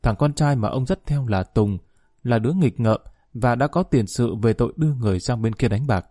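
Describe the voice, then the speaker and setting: A man narrating an audiobook story in a steady, measured reading voice. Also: medium pitch, no room sound, clean studio sound.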